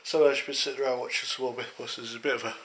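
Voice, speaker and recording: A tired young man from England vlogs casually to a desk webcam in a small home office, rambling and full of hesitant fillers. He speaks very fast in a medium-pitched, steady, slightly bright voice, with slight background noise.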